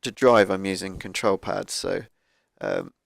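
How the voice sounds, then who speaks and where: Man, low and gravelly with a croaky cold, casual gaming commentary, dry cheap mic. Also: wildly swooping pitch, unhurried, no echo. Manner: thinking aloud, laid-back, with fillers. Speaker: gaming YouTuber. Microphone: cheap microphone.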